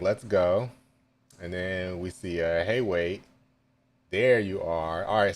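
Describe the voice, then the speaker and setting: A man reading a manga chapter aloud live and reacting with casual asides and chuckles. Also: deep voice.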